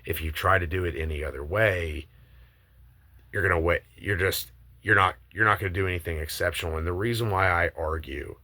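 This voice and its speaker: A man giving a casual, opinionated monologue, eagerly and emphatically pitching a movie idea with some swearing. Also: a little fast, sharp tone, no room sound.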